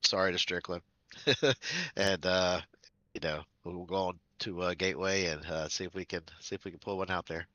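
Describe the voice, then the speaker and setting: A sim racing driver with a cold sounding stuffy, giving a relaxed, rambling post-race interview and laughing often. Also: male voice, deep voice, normal speed, no echo, highs cut off.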